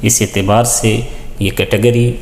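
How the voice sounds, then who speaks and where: Slow, deliberate male teacher in echoey room. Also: fairly low pitch, flat delivery, vocal fry, darkish tone, slight background noise. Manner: deliberate, listing and repeating example words. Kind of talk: lesson with on-screen examples.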